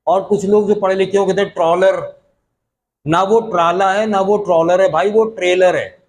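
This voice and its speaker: High-voiced man teaching English. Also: steady tone, poor audio. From Pakistan. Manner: reads English lines slowly, then explains in Urdu with questions to students. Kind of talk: classroom lecture explaining a text line by line.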